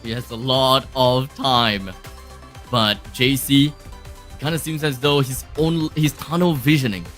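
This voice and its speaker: Male esports caster, mid-pitched, dramatic live play-by-play over a music bed. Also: measured pace, fairly bright tone. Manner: dramatic, repeats phrases for emphasis.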